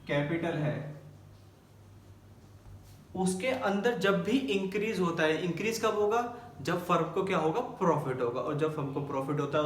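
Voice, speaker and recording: A man teaching accountancy in a classroom, his fairly high voice carried from off-mic through a roomy, echoing space with a faint hum behind. He poses questions and answers them himself as he explains each term. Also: far from the mic. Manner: mixes English terms into Hindi. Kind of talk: classroom lesson explaining terms. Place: classroom with a board. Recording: echoey room, voice from off mic.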